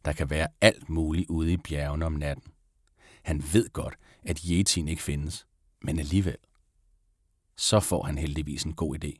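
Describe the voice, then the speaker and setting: Male audiobook narrator for children's stories: very low voice, calm, measured, dry. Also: dry recording. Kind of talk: audiobook reading of a children's book.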